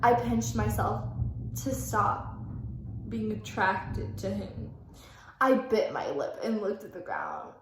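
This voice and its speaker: A woman's voice: mid-range voice, steady tone, takes it slowly, noisy background. A young woman reading her old fan fiction aloud in a casual vlog. She breaks off with self-mocking asides, corrects her own reading and fills her talk with "like". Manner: chatty, fills speech with "like". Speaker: vlogger. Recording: roomy echo.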